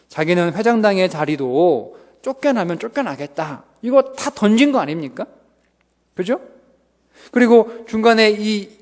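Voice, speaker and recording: A male pastor preaching a revival sermon, swinging from loud outbursts to whispers, recorded in a church sanctuary. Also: high-pitched. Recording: reverberant church hall.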